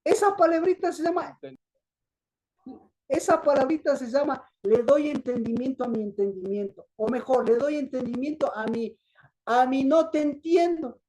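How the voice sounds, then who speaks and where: Woman preacher, high voice, mellow tone, sermon style with repeated questions to the congregation. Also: moderate pace. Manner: asks the congregation questions and answers them herself; repetitive, emphatic.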